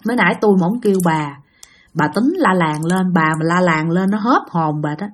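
A woman voicing an elderly male rural grandfather with a Southern Vietnamese accent, warning in a low hushed tone. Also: fairly quick. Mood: urgent warning.

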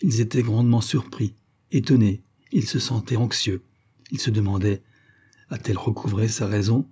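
A man reading a serial novel aloud as an audiobook, with measured, expressive phrasing in short clauses. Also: fairly low pitch, husky. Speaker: audiobook narrator.

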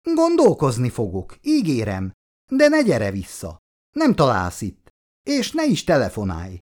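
A man's voice: mid-range voice, huge pitch swings, a little mellow. A male reader voicing a cool, proud young woman who answers her fiancé in clipped, icy replies. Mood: cold. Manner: cold, clipped, tight replies.

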